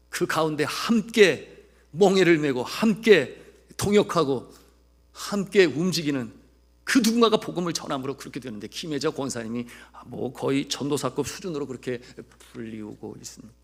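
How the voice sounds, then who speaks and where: A male pastor preaching a sermon, telling a story to his congregation and shifting between loud, emphatic calls and hushed narration. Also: on the high side, animated, moderate pace. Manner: addresses the congregation often.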